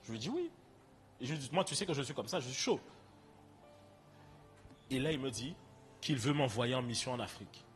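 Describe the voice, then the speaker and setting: Speaking in an expressive medium-pitched voice, fairly quickly but with long pauses, a young French Caribbean man preaches and shares his testimony directly with the congregation. Soft background music accompanies him.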